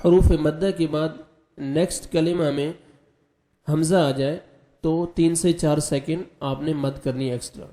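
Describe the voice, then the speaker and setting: A man teaching Quran recitation, spelling out letters with their vowel marks slowly, then explaining rules quickly, and chanting verses in long drawn-out tones. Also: on the high side, steady tone, dark tone, roomy sound. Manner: draws out recited words in slow chant.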